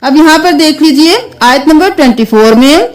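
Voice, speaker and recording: A woman teaching Quran reading, spelling sounds out letter by letter and chanting verses slowly. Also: high voice, lively intonation. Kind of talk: slow tajweed lesson with recited verses.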